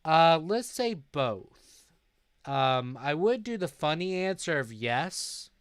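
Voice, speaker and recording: A young man chatting casually on a live stream, reading out chat messages and answering them. He sounds sleep deprived and talks in a slow, drowsy way. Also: fairly high pitch, sing-song, clear, resonant tone, dry recording, studio quality.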